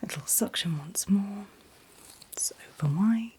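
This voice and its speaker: A woman doing a whispered role-play as a calm dentist, speaking in a breathy whisper with gentle, reassuring, unhurried instructions. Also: mid-range voice, a little hiss or hum. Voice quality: breathy, mostly unvoiced whisper. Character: calm, attentive dentist soothing a patient. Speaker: ASMR performer playing a dentist.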